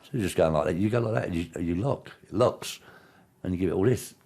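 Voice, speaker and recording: A man's voice: sits low, quick pace, creaky, a little mellow, breathy edge. A man giving a blunt, matter-of-fact interview about his past. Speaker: interviewee, former player. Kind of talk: candid interview recollection.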